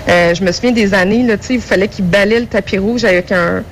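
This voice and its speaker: A woman reporting from a festival in casual, conversational Quebec French. Her pitch is average, and faint ambience sits behind her. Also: quick pace, slight background noise. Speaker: festival correspondent. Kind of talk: casual on-air chat.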